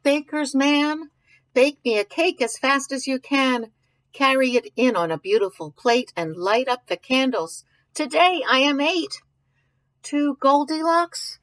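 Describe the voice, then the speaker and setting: This woman's voice is fairly high and a bit bright, heard without echo but in poor audio. She reads a picture book aloud to young kids, breaking off to ask questions, think aloud, and give simple explanations.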